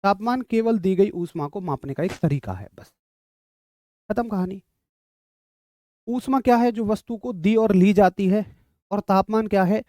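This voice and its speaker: A man's voice: high-pitched, a little slow, pauses often, dark tone, no room sound, studio quality. A man teaching physics in a classroom lecture, explaining through a story and asking students to confirm they follow.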